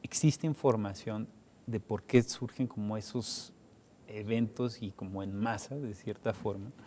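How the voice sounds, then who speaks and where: A Mexican man with a low, mellow voice, moderating a television studio panel. He talks in a relaxed, conversational way and keeps tagging his questions with a questioning "no". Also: measured pace. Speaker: host.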